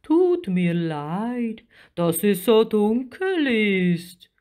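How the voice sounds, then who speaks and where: Woman doing a deep, slow giant octopus. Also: very animated, warm tone. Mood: friendly. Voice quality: deep, drawn-out and booming. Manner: slow and kindly, easily offended. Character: huge friendly male red octopus.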